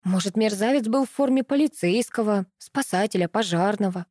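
Woman voicing an excitable amateur sleuth. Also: medium pitch, no echo, clean studio sound, close to an everyday voice. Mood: animated. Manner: lively, emotional, quick to exclaim. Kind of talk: audiobook dialogue reading.

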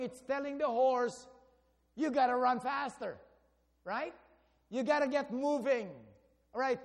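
A male pastor delivers a sermon in a very high voice, talking to the congregation like a conversation and tossing out rhetorical questions as he goes. The sound carries a long reverb from the church hall around him.

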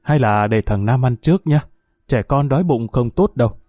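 A man's voice: medium pitch, lively intonation, normal speed, mellow, dry recording, clean studio sound, natural voice. A man voicing a kindly older father-in-law and grandfather who speaks in a fatherly, reassuring way.

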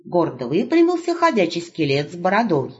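A woman narrating a storybook in an expressive, lively reading, on a muffled recording. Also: lowish voice, normal speed. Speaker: audiobook narrator.

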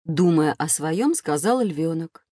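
A woman calmly narrating a children's audio drama. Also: deep voice, slow pace, no room sound, clean studio sound.

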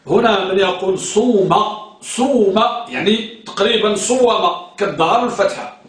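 A man's voice: high-pitched, moderate pace. A male teacher giving a grammar lesson, drilling his students by repeating questions and answers. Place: classroom. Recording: echoey room, mic far off.

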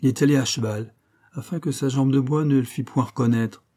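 Casting : contremaître posé et malicieux, joué par un homme, voix feutrée. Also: male voice, mid-range voice, a little fast, close to an everyday voice. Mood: sly. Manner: calm, sly. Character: calm sly male mill foreman.

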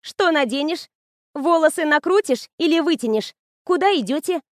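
A woman reading the lines of a lively young woman student who teases her friend in an audiobook. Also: high-pitched, normal speed, no room sound, clean studio sound, pitched above the performer's own voice. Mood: teasing. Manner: bubbly, teasing, animated.

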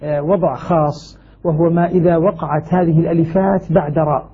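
A man teaching Quranic recitation rules in a measured scholarly way, with hesitant fillers and repeated key words. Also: a little high, steady tone, husky. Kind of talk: scholarly explanation. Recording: tinny phone-like sound.

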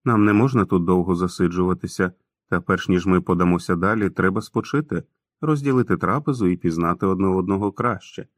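A man reading an audiobook, voicing a devout 108-year-old woman who speaks in a soft, hoarse whisper. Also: low voice, a little fast, dry recording, clean studio sound. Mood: welcoming.

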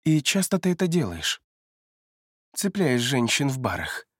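A man's voice: medium pitch, big pitch swings, unhurried, slightly rough, dry recording, clean studio sound, full character voice. A man voicing a cool, probing female therapist. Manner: level, knowing, quietly provocative. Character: calm, probing female therapist, middle-aged.

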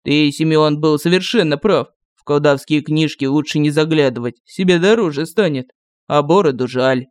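A male narrator voicing a calm, phlegmatic male turtle warrior in an audiobook. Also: a little high, moderate pace, no room sound, close to an everyday voice. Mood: deadpan.

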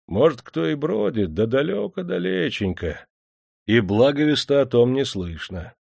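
A man voicing a weathered, calm old male wanderer who talks unhurriedly in folk sayings. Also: medium pitch, measured pace, vocal fry, no echo, studio quality, voice pushed up, full character voice. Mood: folksy.

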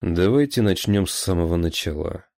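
A man reading an audiobook voices a dutiful male police officer who reports facts in a brisk, matter-of-fact way. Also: sits low, expressive, darkish tone, no room sound, studio quality. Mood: firm, businesslike.

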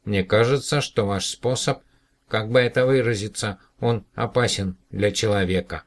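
A man voicing a small green alien who explains things calmly and earnestly in an audiobook. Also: lowish voice, moderate pace, voice pushed up, natural voice.

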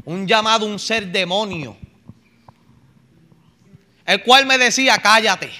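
A man's voice: high voice, slow, bright, forceful tone. A man preaching a fervent, emotional testimony in a pleading manner. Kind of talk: sermon testimony.

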